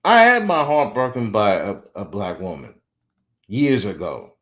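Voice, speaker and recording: A man in his forties hosts a podcast at a measured pace, his voice on the low side. He's blunt and animated with strong opinions, mocking others from time to time when quoting them.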